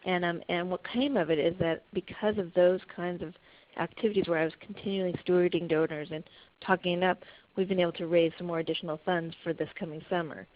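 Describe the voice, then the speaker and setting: A woman's voice: lowish voice, steady tone, fast. A woman camp director telling a heartfelt story in a webinar, earnest and full of restarts. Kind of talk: webinar talk. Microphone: conference call. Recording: muffled conference call audio.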